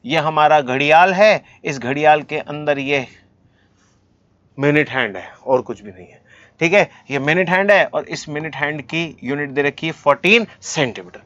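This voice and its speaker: A man teaching maths, solving textbook problems step by step, asking his own questions and answering them in a relaxed, encouraging way. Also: a little high, no room sound, muffled recording. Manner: relaxed, encouraging, talks straight to students, asks and answers himself; reads formulas and English sums slowly, word by word.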